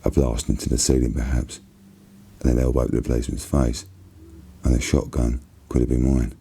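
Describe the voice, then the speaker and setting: Very deep, gravelly Cockney man reading softly. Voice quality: very husky, soft and gravelly. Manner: hushed, unhurried, even narration. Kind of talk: ASMR reading of a novel.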